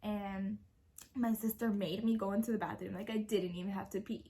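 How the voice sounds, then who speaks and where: A young woman and parent telling a story in a casual question-and-answer video, chatty and quick to laugh. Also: mid-range voice, steady tone, warm tone. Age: young adult. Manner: giggly, laughs often while telling a story; chatty, full of fillers and quoted speech. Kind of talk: casual Q&A chat.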